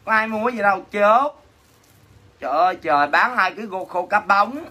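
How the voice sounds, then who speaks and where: Bright, husky Southern Vietnamese man. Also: sits high, expressive, normal speed. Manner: dramatic, teasing, mock-complaining banter; reads out and answers viewer comments. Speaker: livestream seller and host. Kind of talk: casual livestream selling chat.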